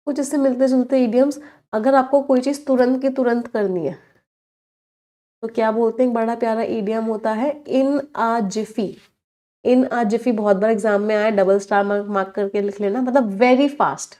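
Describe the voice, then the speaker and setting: During a live online exam-prep session, an Indian-accented woman teaches English vocabulary, switching between Hindi and English and putting questions to the class. Her fairly high voice has a steady, dark tone, and she stretches each English word out slowly.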